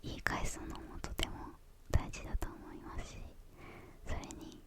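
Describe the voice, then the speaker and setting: Hushed whispering young woman, ASMR style. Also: normal speed. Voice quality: hushed, breathy unvoiced whisper. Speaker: ASMR creator answering viewer questions.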